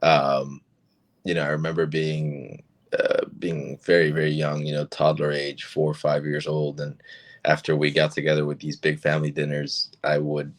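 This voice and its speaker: A man from Argentina whose first language is Spanish speaks in a very deep voice with a fairly flat melody. He tells stories in a relaxed, casual way, often pausing on fillers. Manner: relaxed, storytelling, many fillers. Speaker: actor, interview guest. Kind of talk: casual interview.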